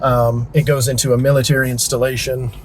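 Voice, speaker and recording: Narrating a property tour as he drives, this real estate guide keeps things casual, self-deprecating, and full of joking asides. He speaks a little fast in a level, mid-range voice, with road noise audible from the moving car.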